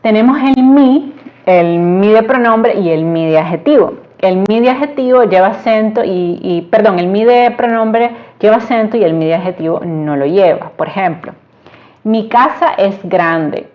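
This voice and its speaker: Woman teaching a slow grammar lesson. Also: medium pitch. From Latin America. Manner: explains slowly with example sentences, stresses quoted phrases. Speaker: Spanish teacher. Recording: dull lo-fi sound.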